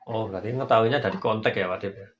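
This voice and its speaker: A man hosting a relaxed interview, asking follow-up questions and adding brief agreeing murmurs. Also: fairly low pitch, rapid-fire, lo-fi sound. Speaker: host. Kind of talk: casual interview talk.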